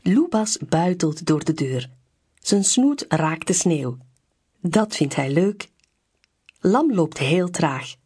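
Slow, husky woman reading a children's story. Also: fairly low pitch. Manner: slow, clear storybook delivery with lively intonation. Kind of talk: reading a children's picture book aloud.

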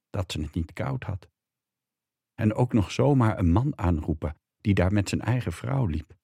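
A man narrates an audiobook in a measured, steady way. His voice sits very low, with a dark, husky timbre. The recording is dry and close. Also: no echo. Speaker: reader.

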